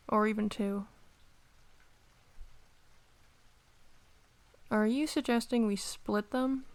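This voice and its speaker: Woman acting a creaky-voiced prickly young rival, ASMR role-play. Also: medium pitch, darkish tone, natural voice. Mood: grudging, giving in. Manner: grumbling, sighing, conversational.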